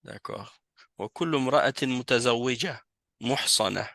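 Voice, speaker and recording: A man's voice: medium pitch, brisk, vocal fry, bright, forceful tone, no echo. A man teaching an Arabic class in French, patiently explaining and correcting students. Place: mosque classroom.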